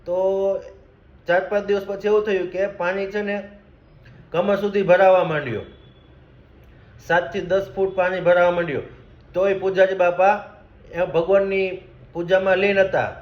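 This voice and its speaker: A man tells a moral story in a plain, conversational manner, speaking now and then directly to his listeners. His voice sits high, and the recording sounds roomy and a little dull. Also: fairly even intonation, normal speed, long pauses. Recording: echoey room, slightly dull sound.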